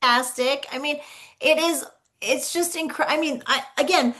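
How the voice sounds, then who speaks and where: Bright, gushing woman host on a video call. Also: sits high, moderate pace. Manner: enthusiastic, gushing praise. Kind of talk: casual chat on a video call.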